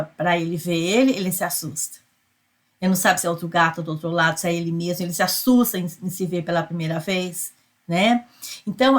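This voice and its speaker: A middle-aged woman with a Brazilian Portuguese accent, a psychoanalyst giving a conversational motivational talk, repeating herself and ending lines with tag questions. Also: lowish voice. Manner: repetitive, tag questions, many fillers. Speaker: psychoanalyst and spiritual speaker.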